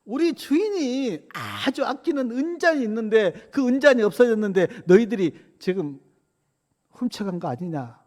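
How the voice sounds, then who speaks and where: A man's voice: high voice, sing-song, moderate pace, a little mellow, pitched above the performer's own voice. A male preacher voicing a ruler's steward who accuses travelers of theft. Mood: accusing. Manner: accusing, confrontational.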